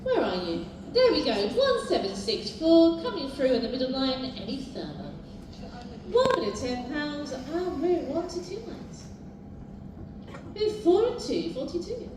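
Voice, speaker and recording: A British woman working as a bingo caller, announcing numbers live in a sing-song, formulaic way with measured repetition. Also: high voice, very animated. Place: large echoing indoor bingo hall. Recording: very echoey hall, distant, noisy.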